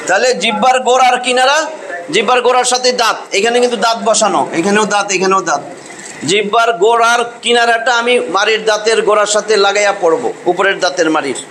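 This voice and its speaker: High-voiced teacher drilling sounds. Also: male voice, pushed and bright, a little hiss or hum, poor audio. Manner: drills sounds by slow repetition. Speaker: Quran recitation teacher. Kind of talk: classroom pronunciation lesson.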